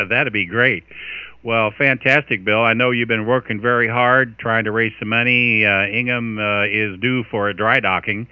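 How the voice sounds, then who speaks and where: A man's voice: lowish voice, fairly even intonation, normal speed, clean tone, no echo, muffled recording. An American man working as a radio net controller, making marine radio-style calls with phonetic call signs and casual asides. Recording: band-limited radio transmission.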